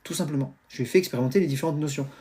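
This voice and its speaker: A middle-aged man, a teacher and trainer, giving advice to parents on a live stream in an animated, explanatory way, with many fillers and restarts. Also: on the high side, very fast. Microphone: phone or computer mic on a live stream.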